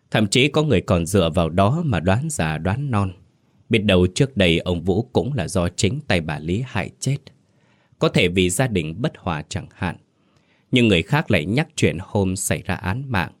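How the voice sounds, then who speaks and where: A male storyteller reading a scripted horror tale. His voice sits very low and deep. He keeps a steady, measured pace through the story. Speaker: ghost story narrator.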